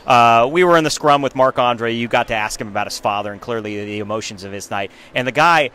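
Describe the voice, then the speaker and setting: A man's voice: medium pitch, fast. Man, 30s, sports host, jokey, casual chat, phone at arm's length, empty arena, faint hum. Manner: upbeat, lively, jokey interviewer. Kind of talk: casual post-game chat on phone livestream. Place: inside an empty hockey arena, rinkside. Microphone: phone held at arm's length.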